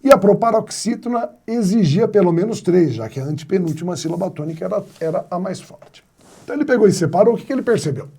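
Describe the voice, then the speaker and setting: A man's voice: high-pitched, animated, fast, vocal fry, dark tone, breathy edge. A man teaching a grammar video lesson, explaining step by step and posing rhetorical questions to his students. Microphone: wired mic.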